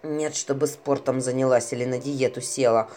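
A woman's voice: a bass voice, fairly even intonation, moderate pace, mellow, a little hiss or hum, pitched below the performer's own voice. A woman voicing a pompous ancient male vampire in bat form, bossy and huffing with strain. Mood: grumbling.

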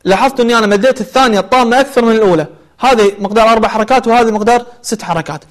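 A man teaching a tajweed lesson, explaining recitation rules and then chanting verses slowly with long drawn-out vowels. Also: very high voice.

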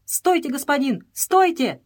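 A devoted, fearful young servant speaks with deference and anxious urgency, as a woman reads him. The voice sits at a middling pitch for a woman. It comes from an audiobook. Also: animated, moderate pace, darkish tone, close to an everyday voice. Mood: deferential. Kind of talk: audiobook character reading.

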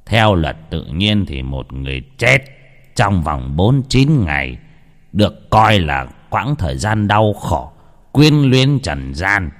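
A man voicing an old village shaman who gives stern, gruff orders slowly. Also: deep voice, sing-song, heavily acted. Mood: solemn. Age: older. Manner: slow, stern, gruff commands. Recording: long reverb.

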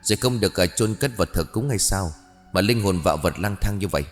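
A man's voice: deep voice, animated, fairly quick, big-room sound, faint music behind. A man voicing a bossy old female ghost elder in an audiobook, questioning brusquely. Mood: stern.

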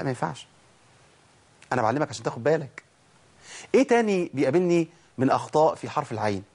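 An Egyptian man teaching Quran recitation talks fast and chatty, his voice sitting a little high. He scolds common errors in a friendly, teasing way. He then slows right down to chant each example. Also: husky. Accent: Egyptian Arabic. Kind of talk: tajweed lesson.

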